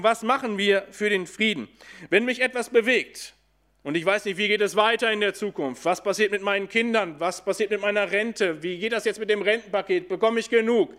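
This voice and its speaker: This preacher's voice sits high and has a fairly bright tone as he addresses a congregation. He raises questions, supplies his own answers, and slows his delivery for scripture quotations.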